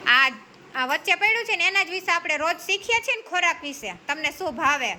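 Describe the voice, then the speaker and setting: Encouraging preschool teacher woman, very high voice. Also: expressive, brisk, bright, forceful tone, a little hiss or hum. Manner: encouraging, calls on children by name and praises each answer. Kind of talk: classroom teaching.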